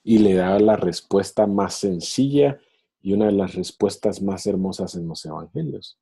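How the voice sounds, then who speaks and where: A man's voice: sits low, normal speed, vocal fry, dark tone, husky. A man giving a reflective online lecture on theology, retelling a story and acting out its voices over a video call. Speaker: speaker in a theology webinar.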